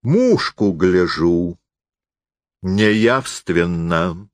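A man voicing a drunk, menacing old male forester who speaks hoarsely in slurred folksy speech. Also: mid-range voice, sing-song, slow, a bit bright, no room sound, pitched above the performer's own voice. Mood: drunk blustering.

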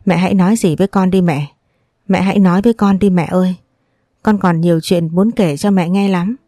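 A woman's voice: on the low side, warm tone, no echo, studio quality, lightly acted. Woman voicing a grieving teenage girl pleading. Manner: tearful, pleading.

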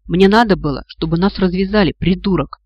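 A man voicing a feisty, sharp-tongued young woman who scolds and mocks her companions, in a storybook reading. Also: high voice, brisk, dry recording, highs cut off. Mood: scolding. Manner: sarcastic, exasperated, scolding.

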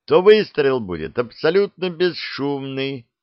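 A man's voice: mid-range voice, sing-song, unhurried, no room sound, pitched above the performer's own voice. A man voicing a stern, commanding young prince who speaks in curt orders, on a dry, dull recording.

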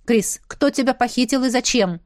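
Picture a serious young man in a spoken story who speaks gravely and with measure, as a woman reader plays him. The sound is close and dry. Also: on the high side, normal speed, darkish tone, no room sound, close to an everyday voice. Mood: stern.

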